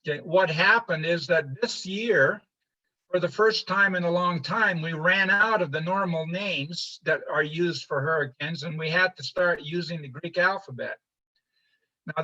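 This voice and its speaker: An older man from Honduras giving an informal slide lecture, halting with many fillers and restarts. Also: fairly high pitch, sharp tone. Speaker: presenter. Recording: muffled lo-fi livestream audio.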